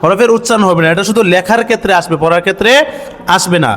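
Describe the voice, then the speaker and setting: A man teaching Quran reading. He spells out letters and vowel marks step by step, asks questions and answers them himself, and chants each syllable slowly. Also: high-pitched, fairly bright tone. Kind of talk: step-by-step recitation lesson. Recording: long hall reverb.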